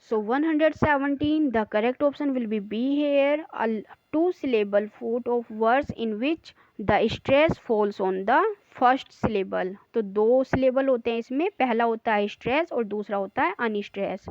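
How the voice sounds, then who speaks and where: A woman teacher with a somewhat high voice, taking each quiz question slowly and deliberately. The recording is dry and a little dull, like a basic home lo-fi setup. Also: a little mellow, no echo. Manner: reads quiz options slowly, then explains quickly in Hindi. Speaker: English teacher. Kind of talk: exam practice lesson.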